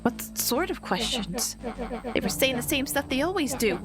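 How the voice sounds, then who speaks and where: A woman voicing an excitable boy shouting warnings in a game playthrough. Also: sits high, moderate pace, over loud music. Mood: agitated. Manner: frantic and shouty.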